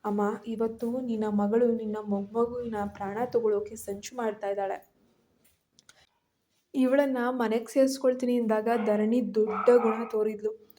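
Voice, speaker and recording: A woman's voice: on the high side, steady tone, moderate pace, a little hiss or hum, close to an everyday voice. A woman voicing an angry young husband who accuses his sister of plotting. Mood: accusing. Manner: forceful, accusing. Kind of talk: audio story character voice.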